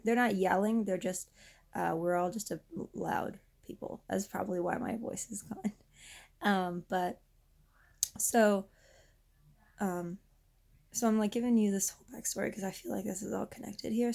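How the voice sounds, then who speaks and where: A young woman in her twenties, hoarse from losing her voice, rambling casually in a vent vlog while lying down. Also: mid-range voice, fairly even intonation, normal speed, a little mellow. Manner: lying down, rambling with many restarts. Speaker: vlogger.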